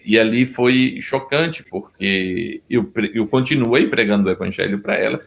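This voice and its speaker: Middle-aged Pernambuco-accented Brazilian pastor, gravelly low voice, earnest interview testimony. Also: male voice, normal speed, poor audio. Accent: Pernambuco Brazilian Portuguese. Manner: earnest storytelling, frequent restarts.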